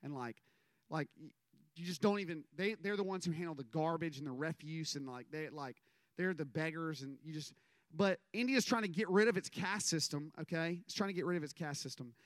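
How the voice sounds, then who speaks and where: A man's voice: on the high side, fairly quick, no echo. A man, giving a casual, rambling sermon full of stories and self-deprecating asides. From American South. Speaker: minister.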